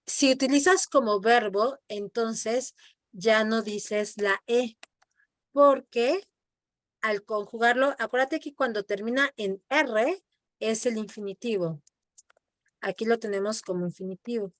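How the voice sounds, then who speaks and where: A woman's voice: fairly high pitch, a little slow, no echo, clean studio sound. A woman teaching French in an online class, explaining patiently and modeling words for her student to repeat. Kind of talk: online language lesson, explaining in Spanish and French.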